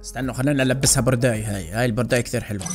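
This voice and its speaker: A man's voice: medium pitch, darkish tone, soft background music. A young man chatting with a friend over a game, teasing and bossy. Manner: teasing, bossy, rapid-fire. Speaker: gaming YouTuber. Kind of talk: casual gaming chat with a friend.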